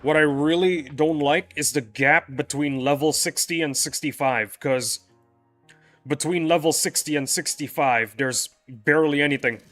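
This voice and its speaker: This game streamer, a young man, has a slightly high, fairly bright voice at normal speed. He chats loosely with viewers and keeps restarting his sentences. Faint music plays underneath.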